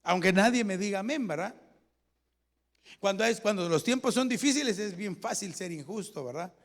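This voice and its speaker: Male pastor, high voice, chatty sermon delivery with rhetorical questions, recorded in a reverberant church. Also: animated, normal speed, gravelly. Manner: conversational preaching, addresses "hermano", asks rhetorical questions; explains Hebrew word meanings.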